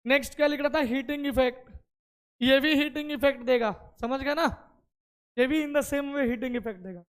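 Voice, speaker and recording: A man's voice: very high-pitched, moderate pace. A man teaching chemistry to a classroom of students. He explains step by step and keeps asking the class questions.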